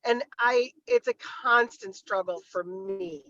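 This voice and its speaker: A woman's voice: fairly high pitch, takes it slowly, pushed and bright, dull audio. A woman on a video call, talking through a car speakerphone while driving, in a chatty and eager way. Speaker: group member. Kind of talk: casual group chat.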